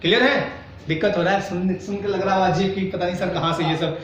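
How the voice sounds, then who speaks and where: A man's voice: high voice, fairly even intonation, fast, very echoey, far from the mic, slight background noise, rough recording. A male Hindi teacher giving a grammar lesson to a class, asking questions often and acting out students' doubts. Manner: acts out students' doubts in quoted asides.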